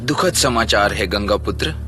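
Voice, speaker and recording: An actor playing a sorrowful forest sage in a mythological TV drama, speaking solemnly. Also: male voice, fairly low pitch, expressive, normal speed, fairly bright tone, soft background music. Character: sorrowful forest sage bearing bad news.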